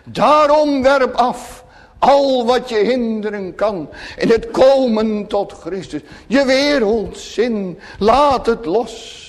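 A man preaching a sermon to his congregation, solemn and emphatic, often dropping to hushed tones. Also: very high voice, animated, takes it slowly. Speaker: pastor. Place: church. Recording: long church reverb.

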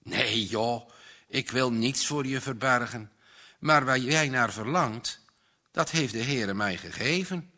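A man voicing an earnest, devout young man who talks softly and confidingly to a friend in a spoken story. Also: medium pitch, slow pace, full character voice.

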